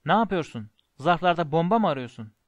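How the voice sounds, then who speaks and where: A man voicing a blustering, bullying middle-aged uncle who snaps and shouts. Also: fairly high pitch, very animated, a little fast, no echo. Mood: shouting. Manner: gruff shouting and snapping.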